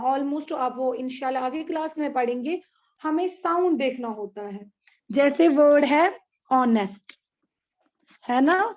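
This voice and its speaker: Woman teacher, Indian accent, high voice, slow and patient, video call. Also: a little mellow. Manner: patient, repeats and asks checking questions. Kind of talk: online class lesson.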